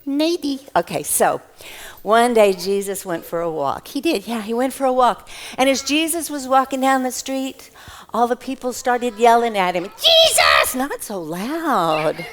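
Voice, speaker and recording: A woman telling a Bible story to children at a church, animated and playful. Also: fairly high pitch, unhurried.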